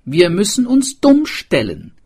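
A man voicing a clever, scheming pig herder from a village, raised and excited. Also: high-pitched, measured pace, slightly rough, voice pushed up, heavily acted. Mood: eager.

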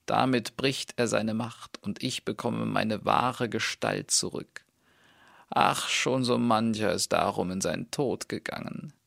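An enchanted princess from an old fairy tale explains her curse in a lifted, lamenting voice, read by a man. It stays unhurried and earnest, with a gravelly grain and a dry, close sound. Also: lowish voice, a bit bright, no room sound, voice pushed up, full character voice. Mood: sorrowful.

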